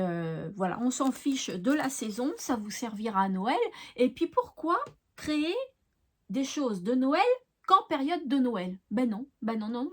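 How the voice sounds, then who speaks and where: A woman hosting a craft channel, chatting fondly to viewers as she presents giveaway prizes, with lots of fillers along the way. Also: a little high.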